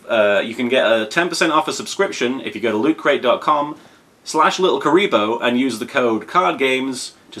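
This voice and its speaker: Speaking at medium pitch with a slightly bright tone, this thirty-something Briton rambles through an unboxing video at home in his apartment. His delivery is playful and mock-serious, full of emphatic repetition, and background room noise comes through clearly.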